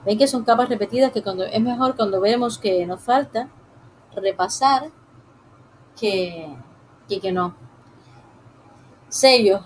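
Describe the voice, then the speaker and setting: A woman teaching a live drawing lesson, talking softly and unhurriedly to viewers as she works. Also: on the high side, a little hiss or hum, rough recording. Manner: soft, unhurried, talks while drawing; addresses viewers directly.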